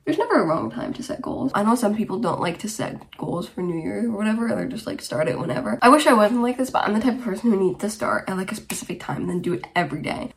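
A nineteen-year-old woman from Romania talks through her own podcast in a loose, rambling way, full of fillers and side remarks. She speaks quickly, at an ordinary middle pitch for a woman. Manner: chatty, rambling, lots of "like" and asides. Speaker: podcast host. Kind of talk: casual solo podcast chat.

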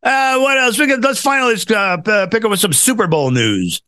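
Male American talk host, fairly high and animated, dry close sound, sarcastic exasperated political ranting. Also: fairly quick, no echo. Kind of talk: casual political commentary.

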